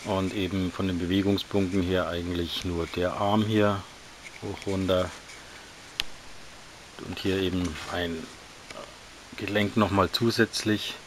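A man casually reviewing action figures, talking in a relaxed, slightly halting way while he handles them. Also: sits low, background noise.

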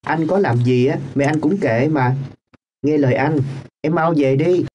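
A woman's voice: low-pitched, measured pace, background noise. A woman voicing a poor teenage boy who sells lottery tickets, speaking in a coaxing, brotherly way in a radio drama.

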